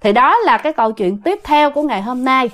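A woman with a Southern Vietnamese accent narrates a ghost story in a high voice. Her pitch leaps around a lot, and she keeps speaking directly to her listeners. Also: brisk. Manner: animated, addresses listeners directly.

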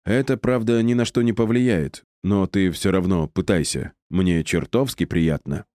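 Man doing an old sadistic wizard, low voice, dark tone, mockingly polite, audiobook. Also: a little slow, dry recording, studio quality. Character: giggly old male wizard, lonely and cruel.

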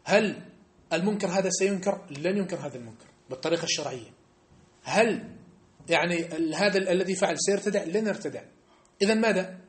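A man giving a mosque study-circle lesson, animated and emphatic, often checking that his listeners understand. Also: high-pitched, quick pace. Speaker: religious teacher. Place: mosque hall.

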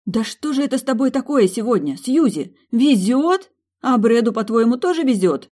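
A woman reading aloud, voicing an indignant young woman who shouts and questions her friends like a general. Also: mid-range voice, moderate pace, voice pushed up, close to an everyday voice. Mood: furious.

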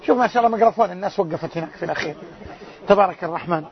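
A loud-voiced man teaching a religious lesson as a sheikh, quizzing his listeners with rhetorical questions. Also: high-pitched, very fast. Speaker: sheikh teaching a hadith class. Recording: dull lo-fi lecture recording.

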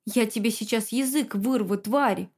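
A woman's voice: a little high, unhurried, darkish tone. A woman reading the lines of a menacing, gloating male villain in an audiobook, mocking and cruel. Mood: furious. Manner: taunting, mocking.

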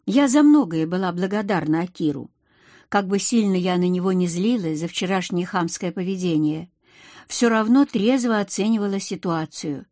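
A woman reading first-person audiobook narration in an even, measured way. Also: lowish voice, no echo, studio quality.

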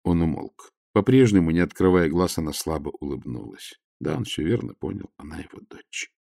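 A man narrating an audiobook in a steady, measured way. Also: extremely low pitch, gravelly, no echo, studio quality.

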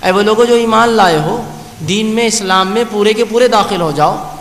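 A man preaching a sermon, slowly reciting scripture and then explaining it with repeated phrases. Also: sits high, fairly bright tone. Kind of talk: Urdu sermon with Quranic recitation. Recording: echoey hall with faint hiss.

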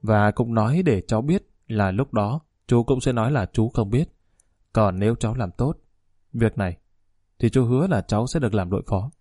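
A man voicing a scheming older male bank executive assistant who speaks in a measured, persuasive way. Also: medium pitch, mellow, husky, dry recording, studio quality, lightly acted.

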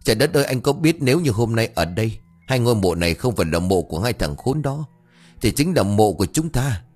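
A man voicing a grieving, furious older village man who shouts curses and mocks bitterly. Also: fairly low pitch, very animated, fairly quick, slightly rough, soft background music. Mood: bitter mocking.

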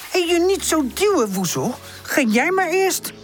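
A woman's voice: extremely high pitch, big pitch swings, measured pace, faint music behind, voice pushed up, exaggerated voice. A woman voicing a cautious, sensible little female puppy in a children's audiobook, doubtful but loyal. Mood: insistent.

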